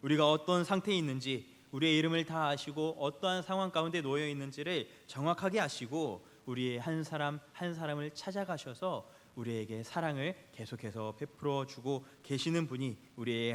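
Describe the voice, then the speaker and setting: Preacher, male, earnest and measured, in a church sanctuary with a long echo tail. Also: fairly high pitch. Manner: earnest, measured, reading scripture aloud with the congregation. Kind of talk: sermon.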